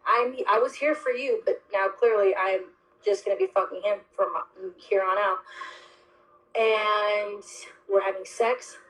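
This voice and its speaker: A young woman hosting a casual chat, telling a story in an animated, emphatic and heavily profane way. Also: mid-range voice, unhurried, low-quality recording. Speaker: host.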